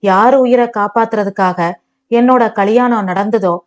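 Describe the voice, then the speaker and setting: A woman voicing a patient young wife who speaks calmly and soothingly. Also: mid-range voice, normal speed, dull audio, natural voice. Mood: hurt. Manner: calm, soothing, pleading.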